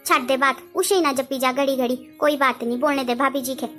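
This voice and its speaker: A woman doing a calming elder sister. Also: high-pitched, brisk, loud music behind the voice, lightly acted. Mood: soothing. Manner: calming, placating. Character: patient elder sister who soothes everyone.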